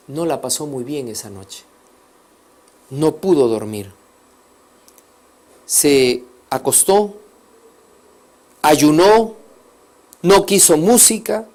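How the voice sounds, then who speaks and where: A man telling a religious story as a sermon, swinging between loud emphasis and soft, hushed passages. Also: a little high. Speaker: teacher of a religious course. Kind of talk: preaching storytelling.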